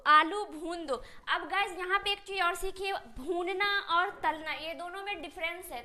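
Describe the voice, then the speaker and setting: High-pitched, bright woman teacher. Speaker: English teacher. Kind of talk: spoken English lesson in Hindi.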